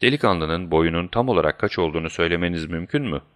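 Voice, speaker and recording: A man voicing a shrewd, composed male detective who speaks in a measured, commanding way, in a deep voice. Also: animated, fairly bright tone.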